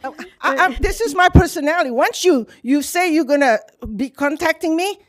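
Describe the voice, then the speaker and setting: Older woman, from Hong Kong, animated, talkative, youth nonprofit leader, dry close sound. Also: high-pitched, normal speed, no room sound. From Hong Kong, grew up in Indonesia. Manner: animated, talkative, frequent laughs. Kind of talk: speaking at a public city meeting.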